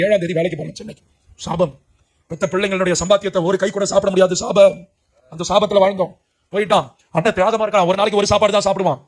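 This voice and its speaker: A man delivers a heartfelt testimony sermon with a high-set voice. He pleads and cries out to the young people listening, full of urgency and emotion. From Puducherry, India. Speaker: preacher giving his testimony.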